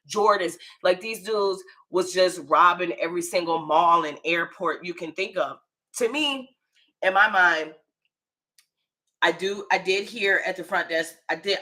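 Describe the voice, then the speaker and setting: Fairly low in pitch and a bit bright, an American woman tells a story about herself casually, swearing without restraint. She acts out what others said and checks in with her listener as she goes.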